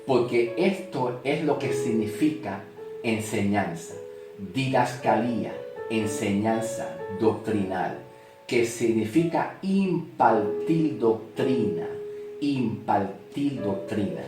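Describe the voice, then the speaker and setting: A man teaching from the Bible slowly, often repeating a point and checking in with "ok?". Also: on the low side, animated. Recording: echoey room with guitar music.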